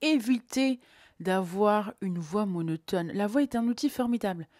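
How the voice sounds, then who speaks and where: Emphatic woman vlogger, mellow tone, dry recording, playful coaching. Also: mid-range voice, moderate pace, no room sound. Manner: emphatic, playful, lively teaching tone. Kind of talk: advice vlog.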